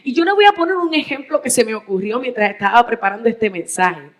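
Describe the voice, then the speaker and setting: A woman preacher with a Puerto Rican accent delivers a sermon in a high-pitched voice. She tells stories dramatically, dropping to a hush and then rising to stretched-out, emphatic stresses. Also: animated, low-quality recording. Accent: Puerto Rican Spanish. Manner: dramatic storytelling, swings between hushed and emphatic, drawn-out stresses.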